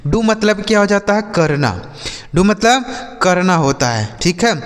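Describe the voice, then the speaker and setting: A man teaching English words to Hindi speakers in a casual lesson. He says example sentences very slowly and keeps repeating "ठीक है" and "दोस्तों". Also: high voice, long reverb tail.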